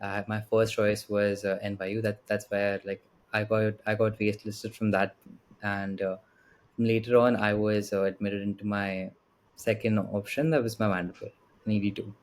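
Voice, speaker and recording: A teenage man with a fairly low voice and an Indian accent gives casual interview answers. He is polite and conversational, peppering his talk with "like" and "you know". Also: flat delivery, moderate pace. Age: late teens. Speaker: podcast guest, student.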